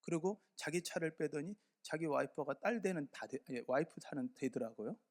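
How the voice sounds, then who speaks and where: Korean pastor with a slightly high voice. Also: male voice, expressive, normal speed. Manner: conversational storytelling, quizzes the congregation. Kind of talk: sermon.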